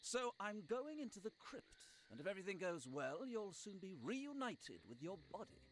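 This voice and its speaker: A man's voice: high voice, sing-song, moderate pace, slight background noise. A man playing a vain, righteous paladin in a fantasy spoof video game, declaiming theatrically. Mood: grand, resolute. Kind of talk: video game character acting. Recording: game music behind the voice.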